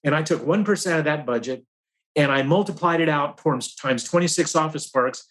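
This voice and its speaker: A middle-aged man with a fairly high voice tells a story from his working life, guest on a podcast. He swings up and down in pitch as he goes and keeps the tale moving. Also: moderate pace, fairly bright tone, poor audio. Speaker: podcast guest, career advisor. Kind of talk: storytelling in interview.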